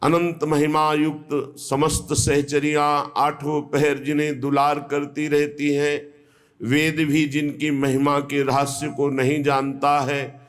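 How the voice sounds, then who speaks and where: A man giving a devotional discourse as a spiritual teacher, speaking in a measured, reverent way. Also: mid-range voice. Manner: slow, measured, reverent delivery.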